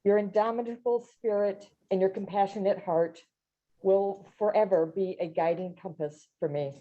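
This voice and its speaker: A woman's voice: mid-range voice, steady tone, moderate pace. A woman judge delivering a formal prepared speech of thanks. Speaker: newly sworn-in judge. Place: courtroom. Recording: dull, muffled sound.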